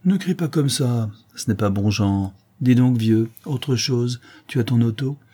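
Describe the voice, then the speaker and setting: A man reading the part of a commanding, ironic gentleman thief in an audiobook, grave and mocking. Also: medium pitch, unhurried, husky, voice pushed up.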